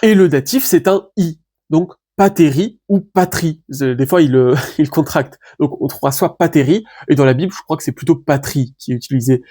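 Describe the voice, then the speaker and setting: A man giving a casual online lesson on biblical Greek grammar. He talks in a relaxed, chatty way, with many fillers and restarts, and slows down to spell out word endings. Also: a little high.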